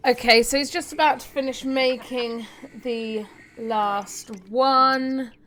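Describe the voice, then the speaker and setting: Narrating each step of a casual game walkthrough, this gaming video host chats, shares tips and reads the pop-ups aloud. Her high voice is fairly bright, with fairly even intonation and a slow pace.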